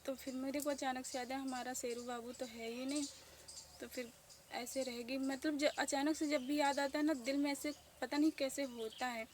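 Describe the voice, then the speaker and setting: A woman in her thirties speaking softly with grief as she tells a casual village vlog story outdoors. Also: high-pitched, steady tone, normal speed. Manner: grieving, soft-spoken. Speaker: village vlogger. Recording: noisy outdoor village ambience.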